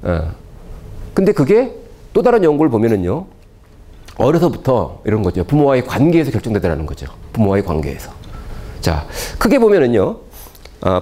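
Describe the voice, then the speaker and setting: A man giving a lecture to parents, constantly firing rhetorical questions at the audience. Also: a little fast. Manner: animated, swooping pitch.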